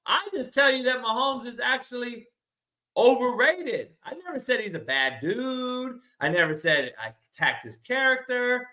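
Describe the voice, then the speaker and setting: Man, bright punchy voice, lively pitch, loud opinionated ribbing, blunt, profane, casual sports debate. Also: normal speed. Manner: blunt, emphatic, repeats points for effect. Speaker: sports talk show host.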